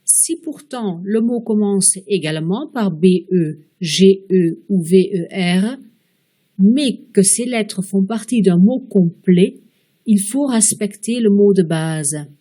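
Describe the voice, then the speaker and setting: A woman teaching a pronunciation lesson, explaining rules step by step and slowing down to model each example word. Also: medium pitch, warm tone. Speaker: language teacher. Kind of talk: slow, careful pronunciation lesson.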